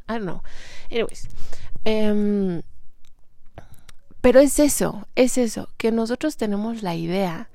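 A woman's voice: medium pitch, no echo. A young Mexican woman telling a story in a chatty, slangy way, quoting others as she goes. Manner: chatty, slangy, animated retelling with quoted voices. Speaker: vlogger. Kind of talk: casual storytelling monologue.

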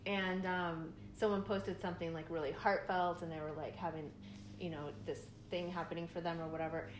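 A woman's voice: fairly low pitch, level tone, a little fast. A middle-aged woman co-hosting a podcast in casual chat, rambling with lots of fillers and frequent laughter. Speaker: podcast co-host. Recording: echoey room, faint noise.

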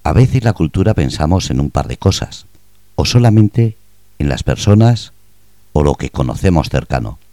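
A man's voice: rumbling low, sing-song, normal speed, mellow, dry recording. A man hosting a radio interview, asking playful, probing questions. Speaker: radio host.

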